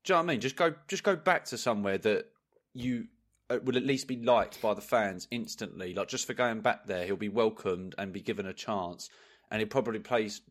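A man's voice: on the low side, fairly quick. A man with an English accent chatting casually as a football podcast co-host, blunt and slangy.

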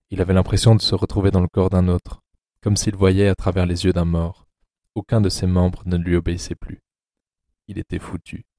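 A man narrating an audiobook-style drama in a measured, sombre reading. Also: low voice, darkish tone, no echo, clean studio sound.

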